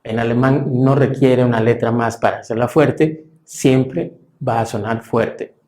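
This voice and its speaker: A man teaching a language class, explaining patiently and slowly, with frequent "eh" fillers. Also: medium pitch, fairly even intonation, darkish tone. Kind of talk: classroom lesson.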